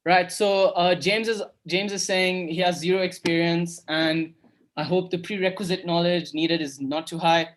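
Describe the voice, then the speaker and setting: A young Kenyan-raised workshop host leads an online coding session by video call, keeping the talk casual and upbeat. His high-pitched voice holds a steady tone at a moderate pace, peppered with fillers and repeated cries of "awesome."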